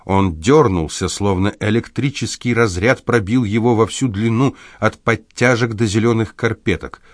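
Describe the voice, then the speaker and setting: A man reading an audiobook in a measured, even delivery. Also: lowish voice, no echo, studio quality. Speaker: audiobook narrator. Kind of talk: scripted audiobook narration.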